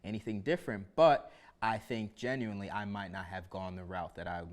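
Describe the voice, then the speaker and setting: Laid-back low-voiced host from Harlem. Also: male voice, fairly even intonation, a little fast. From New York City (Harlem). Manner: easygoing, many "you know" fillers. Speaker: podcast host. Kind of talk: casual interview chat.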